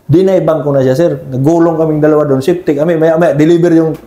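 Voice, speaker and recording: A mellow-voiced man recounts combat memories in a respectful, unhurried way. He tacks "sir" onto almost every phrase. The sound carries a roomy echo. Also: a little high, fairly even intonation. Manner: deferential, ends nearly every phrase with "sir". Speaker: army scout ranger team leader. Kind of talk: conversational war story interview.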